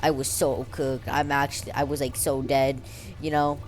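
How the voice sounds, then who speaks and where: A woman's voice: rumbling low, level tone, moderate pace, a little mellow. A young girl chatting casually and unscripted as a vlogger, rambling in slang with some stuttering and an impediment that turns R sounds into W. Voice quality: speech impediment on R sounds, says w for r. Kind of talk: casual unscripted life-story chat over gameplay.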